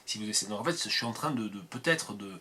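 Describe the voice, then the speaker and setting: A man's voice: lowish voice, lively intonation, brisk, bright, forceful tone, slightly rough. A man from the Landes in southwest France, with a Landes accent, talking improvised to camera as an academic video blogger, digressive, self-mocking and thinking aloud. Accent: Landes (southwest French).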